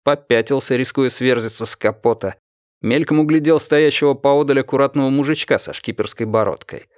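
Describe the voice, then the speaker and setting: A male narrator reads an action story steadily and expressively at a middle pitch. The recording is dry and close, with no room echo. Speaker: audiobook narrator. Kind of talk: scripted audiobook narration.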